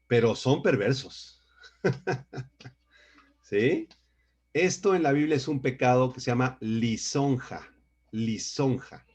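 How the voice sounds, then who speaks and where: A man's voice: mid-range voice, a little mellow. A man teaching a Bible lesson over a video call, emphatic and often checking in with his listeners. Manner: emphatic, frequent rhetorical "¿sí?" checks. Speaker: pastor teaching a Bible class. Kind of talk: online Bible lecture.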